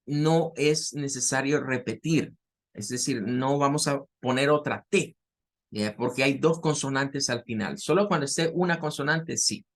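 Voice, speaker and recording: A man teaches English grammar to his class. He explains step by step, repeating words and pausing on fillers as he works through examples. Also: medium pitch, fairly bright tone.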